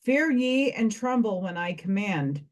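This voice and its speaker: A solemn male spirit of death who warns intruders in a stern, ceremonial tone, voiced by a woman reading aloud. He speaks slowly and deliberately. The delivery stays close to an everyday reading voice. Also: medium pitch, lively intonation, close to an everyday voice.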